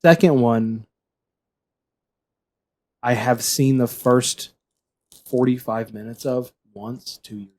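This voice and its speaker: Male podcast co-host, mellow tone, rambling casual delivery. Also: medium pitch, steady tone, takes it slowly, pauses often. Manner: rambling, chatty, trailing off. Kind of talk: casual chat.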